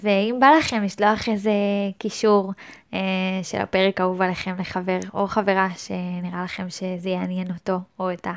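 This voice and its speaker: A woman's voice: mid-range voice, little pitch movement. A woman hosting her own podcast, speaking in a thoughtful, hesitant monologue with frequent restarts. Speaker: podcast host. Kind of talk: reflective solo monologue.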